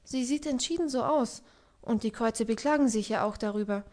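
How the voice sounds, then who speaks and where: A woman reading a hurried, lively hostess. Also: fairly high pitch, natural voice. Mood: weary. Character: busy, warm young hostess.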